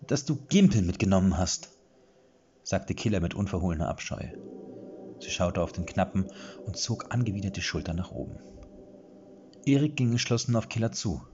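A man's voice: deep voice, a little fast, pauses often, darkish tone, muffled recording, slight background noise. A man narrating a fantasy story expressively, acting out the dialogue.

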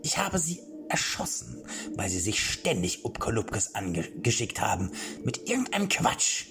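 A man voicing a deranged old male king in an audiobook, with a high, shrill, old-sounding voice that drops into manic whispers. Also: sing-song, a little slow, exaggerated voice. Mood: deranged glee. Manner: manic, sing-song, sudden whispers and shrieks. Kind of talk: audiobook character voice. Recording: clear background music.

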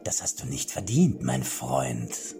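A man voicing a deranged old male king in an audiobook, with a high, shrill, old-sounding voice that drops into manic whispers. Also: huge pitch swings, slow, noisy background, full character voice. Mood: deranged glee. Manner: manic, sing-song, sudden whispers and shrieks. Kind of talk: audiobook character voice. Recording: clear background music.

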